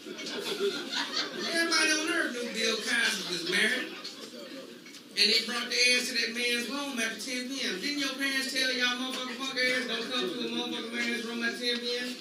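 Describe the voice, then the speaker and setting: A man's voice: very high voice, normal speed. A male stand-up comedian on stage, with a brash, profane, punchy delivery. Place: live comedy venue stage. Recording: echoey hall, distant mic, loud noise.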